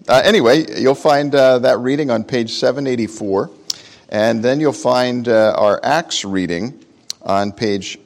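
A man preaching a sermon in a measured way, speaking into a pulpit microphone in a large, reverberant room. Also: fairly low pitch. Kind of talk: sermon with scripture reading and prayer.

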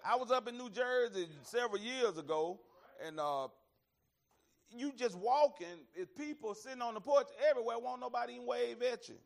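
A man from Alabama leads a Bible study with a very high voice touched by vocal fry, moving at a moderate pace. His preaching is conversational and folksy, with emphatic repeated phrases and frequent y'alls to his listeners.

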